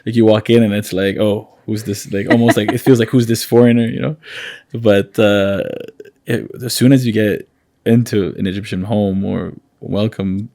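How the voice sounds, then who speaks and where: A man's voice: fairly low pitch, steady tone, normal speed, dry recording, studio quality. A man speaking as a podcast guest in easygoing conversation, thoughtful and agreeable. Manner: thoughtful, agreeable, warm affirmations. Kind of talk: casual conversation.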